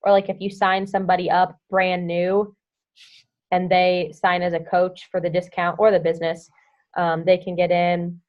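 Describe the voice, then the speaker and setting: A woman's voice: lowish voice, level tone, moderate pace. Young woman, team coach, casual and rambling with lots of fillers. Lo-fi, muffled audio. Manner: chatty, heavy use of "like" and "um", hums filler sounds. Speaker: team coach leading a group call. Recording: dull lo-fi audio.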